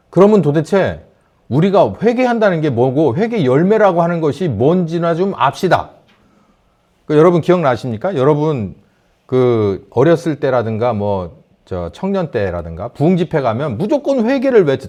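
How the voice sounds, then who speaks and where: Animated male pastor preaching. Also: on the high side. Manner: animated preaching, asks the congregation questions; acts out shouted quotes. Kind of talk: sermon.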